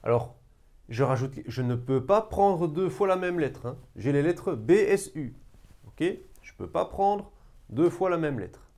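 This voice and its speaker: A man's voice: on the high side, lively intonation, unhurried, darkish tone. A man teaching a math lesson to a class, coaxing his students and talking to them directly. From Belgium.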